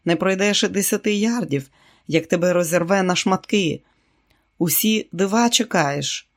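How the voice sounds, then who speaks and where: A man's voice: high voice, normal speed. A male audiobook reader voicing a worried young man who protests against a risky escape.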